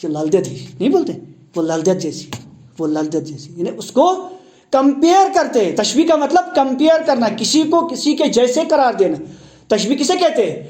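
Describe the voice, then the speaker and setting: A man's voice: very high voice, sing-song, darkish tone. A man teaching a class, explaining word meanings and quizzing students with questions. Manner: asks the class questions and repeats key words; explains word meanings, mixing in English terms. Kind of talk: classroom lecture explaining a text.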